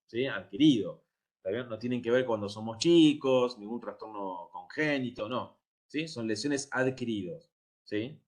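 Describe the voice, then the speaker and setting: Guy teaching a class, keeps asking if everyone's following, mid pitch. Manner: explanatory, checks understanding with frequent "¿sí?". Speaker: lecturer. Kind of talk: university lecture.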